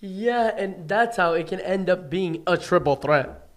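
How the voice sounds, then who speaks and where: A young man co-hosting a casual podcast, talking in a halting, earnest way with lots of restarts. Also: high-pitched, expressive. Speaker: podcast co-host. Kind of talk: casual wrestling chat.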